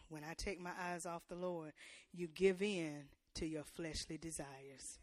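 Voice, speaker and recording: A woman preacher delivering a sermon in church. She uses call-and-response and playful asides to the congregation, and her preaching builds to loud, emphatic peaks. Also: fairly low pitch, no room sound.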